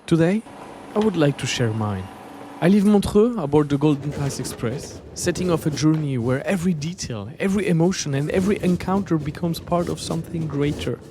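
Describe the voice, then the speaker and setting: A native French speaker from French-speaking Switzerland, with a Swiss French accent, narrates his travels as an artist presenting his journey, scripted, reflective, and storytelling in manner. His voice is on the high side with lively intonation and a slightly fast pace, against a noisy background.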